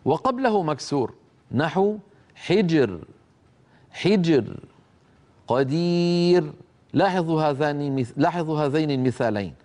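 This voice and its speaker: A middle-aged man teaching Quran recitation rules, explaining a didactic poem, asking his students questions and reciting example words slowly and drawn out. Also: fairly high pitch, darkish tone.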